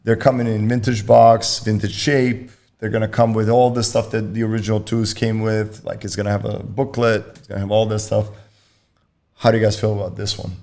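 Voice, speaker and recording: A man's voice: fairly low pitch, little pitch movement, brisk, creaky, darkish tone. A man hosting a sneaker podcast in casual chat, laid-back and steering the talk. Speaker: podcast host.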